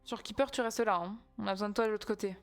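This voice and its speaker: A young woman streaming a game, chatting excitably and talking over herself, with game music in the background. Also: mid-range voice, fast. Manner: excitable, chatty, many restarts and gasps. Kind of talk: casual gaming stream chat.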